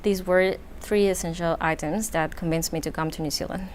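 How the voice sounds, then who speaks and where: A woman's voice: fairly low pitch, fairly even intonation, brisk, a little mellow, slight background noise. A woman from Mexico City, a law graduate now working as a solicitor, giving a formal, well-ordered answer on a panel. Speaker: alumna, solicitor.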